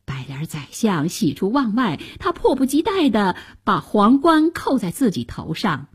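A woman narrating a traditional tale in a dramatic, expressive storytelling manner for broadcast. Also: medium pitch, a little slow, breathy edge.

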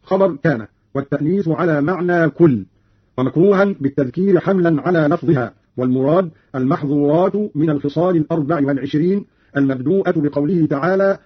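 A man formally explaining Quran readings on the radio, quoting each verse more slowly. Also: on the high side, slightly rough. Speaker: radio announcer. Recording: dull lo-fi archival radio recording.

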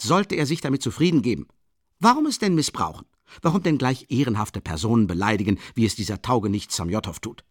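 A man's voice: on the high side, no echo, studio quality, voice pushed up, full character voice. A man voicing a pompous, talkative middle-aged police official in an audiobook, chatty and indignant. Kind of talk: audiobook character reading.

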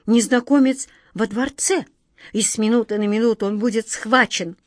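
A woman's voice: on the high side, moderate pace, no room sound, clean studio sound, close to an everyday voice. A woman voicing a pale, anxious male court official who placates the king. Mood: placating. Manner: deferential, placating.

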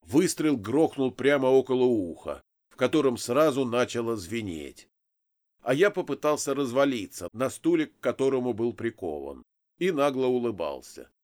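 Brief: male narrator reading a first-person story, animated and expressive. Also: mid-range voice, normal speed. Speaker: audiobook narrator.

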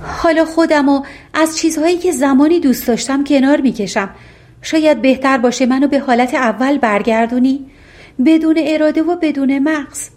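Woman doing a candid young princess, high-pitched and questioning, storybook tone. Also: darkish tone, close to an everyday voice. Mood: frank. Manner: frank, questioning.

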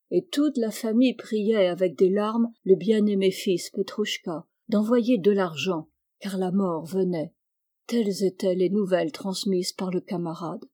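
A woman reading a classic short story aloud at a measured, even pace. Her voice sits at a middle pitch for a woman. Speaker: audiobook reader. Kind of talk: scripted narration.

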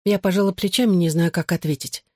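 A woman's voice: on the low side, fairly even intonation, fast talker, warm tone, no room sound, clean studio sound. Woman reading a tense audiobook. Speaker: audiobook narrator. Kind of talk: scripted first-person narration.

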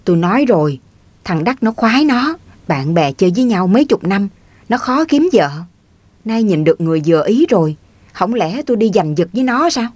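A woman's voice: mid-range voice, sing-song, a little fast, darkish tone, no room sound. Fields: Figure: touchy countryman. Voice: woman reading as a grumbling man. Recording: dry. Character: grown rural man, touchy and stubborn.

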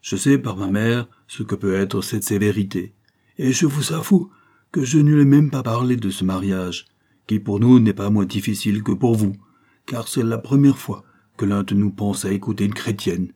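A man's voice: lowish voice, moderate pace, mellow, breathy edge. A man reading an audiobook voices a good-humored, effusive older father who is devoted to his mother. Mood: earnest.

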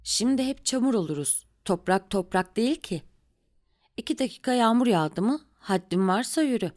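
A woman's voice: fairly high pitch, lively intonation, normal speed, darkish tone, close to an everyday voice. A woman reading the part of an irritable, sulky young husband in an audiobook, grumbling and complaining.

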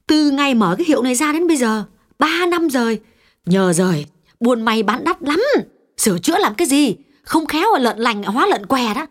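A worried middle-aged shopkeeper read by a woman narrating a story, rambling on as she second-guesses herself. Her voice sits fairly high and moves a lot. She sounds fretful, never calm. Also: a little fast. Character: anxious middle-aged woman shop owner, chatty. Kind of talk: audiobook reading.

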